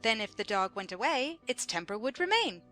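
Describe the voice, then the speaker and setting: The imperious, highish-voiced queen in a children's audio play, quizzing pupils over background music woman acting. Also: big pitch swings, brisk, a bit bright. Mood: scolding, smug. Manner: haughty, contradicting, schoolmistress-like. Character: bossy, pedantic Red Queen, an imperious chess-piece monarch. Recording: music behind the voice.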